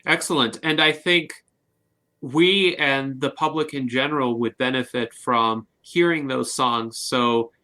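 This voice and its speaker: Formal, measured male interview host. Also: mid-range voice, bright, forceful tone. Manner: measured and formal, in long sentences.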